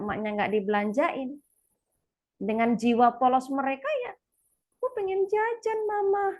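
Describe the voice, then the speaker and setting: A woman talking frankly to a live audience about her own parenting. She is chatty, laughs often, and leaps into a sharp high voice when she acts out quoted lines. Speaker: speaker sharing parenting experience. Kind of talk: casual talk to a live audience.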